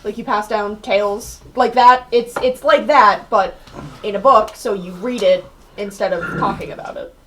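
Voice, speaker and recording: A woman's voice: medium pitch, moderate pace, a bit bright, recorded from a distance, slight background noise, rough recording. A woman playing a tabletop game, chatting and explaining with frequent hesitations. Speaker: player. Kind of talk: casual tabletop game chat.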